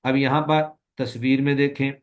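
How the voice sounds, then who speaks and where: A man who teaches Quran recitation, giving a recorded lecture and explaining slowly and patiently, with long drawn-out sample sounds and a Pakistani Urdu accent. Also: mid-range voice, little pitch movement. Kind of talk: recorded lecture on letter pronunciation.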